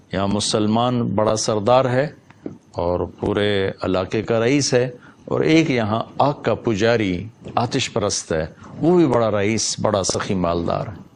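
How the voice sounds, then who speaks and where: A man's voice: lowish voice, a little hiss or hum. A man preaching a sermon, retelling a story with a reverent, emphatic delivery.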